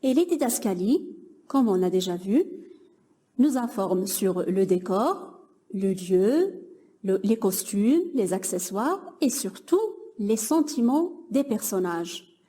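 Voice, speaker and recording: A woman's voice: medium pitch, animated, slow pace, mellow. A young woman teaching a grammar lesson to middle-school pupils, patiently explaining and praising imagined answers.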